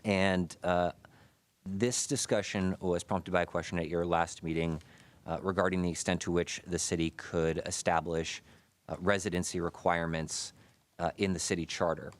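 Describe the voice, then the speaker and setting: An American man, probably in his thirties, gives a formal, measured presentation at a public meeting, his voice muffled by a face mask. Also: low voice, steady tone. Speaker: city staff presenter reporting to a committee. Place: indoor city committee meeting room.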